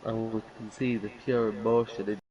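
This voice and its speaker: A man's voice: fairly low pitch, level tone, normal speed, muffled recording. A man doing casual race commentary for an online racing league, chatty and joking with his co-host.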